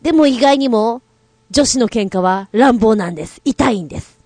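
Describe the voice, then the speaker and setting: A woman's voice: on the high side, moderate pace, no room sound. A woman co-hosting a show in casual chat, telling stories playfully with giggles and exaggerated voices for quoted lines. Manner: animated, playful storytelling with giggles. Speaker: radio show co-host.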